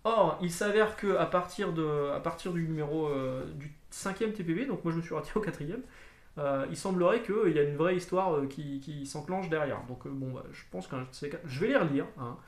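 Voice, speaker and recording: A man's voice: a little high, brisk. Chatty man in an echoey room. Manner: chatty, rambling, many fillers and restarts. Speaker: comic book reviewer. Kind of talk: casual video review.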